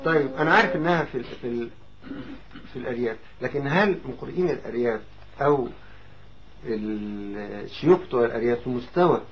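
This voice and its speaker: A man with an Egyptian accent hosting an interview, measured and formal in his statements. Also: medium pitch, highs cut off. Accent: Egyptian Arabic. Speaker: TV host.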